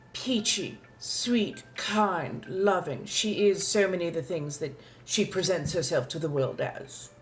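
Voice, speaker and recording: A woman's voice: mid-range voice, voice pushed up. A woman playing an ancient, genteel female vampire with a posh colonial accent, speaking formally and courteously as she chats live in character. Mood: gracious, chatty. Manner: refined, formal, old-fashioned wording, drawn-out deliberate phrasing. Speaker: livestream host answering viewer questions. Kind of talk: in-character live question-and-answer chat.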